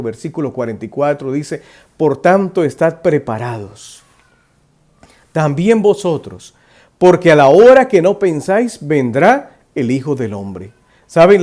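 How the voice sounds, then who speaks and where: A man's voice: medium pitch, a little mellow. A man preaching an evangelistic sermon as pastor, telling a dramatic story and rising into emotional pleas.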